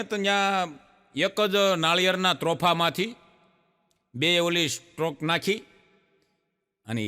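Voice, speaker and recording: Guy doing stand-up, high bright voice, lots of hall echo. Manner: folksy storytelling, frequent "he says" asides. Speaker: stand-up comedian. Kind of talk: stand-up joke telling. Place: stage program.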